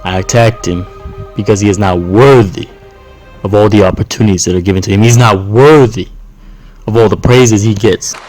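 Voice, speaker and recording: Guy doing a bitter wrestler cutting a promo, low deep voice, music going behind. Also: steady tone, moderate pace, a little mellow, close to an everyday voice. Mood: resentful. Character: bitter young male wrestler, resentful rival.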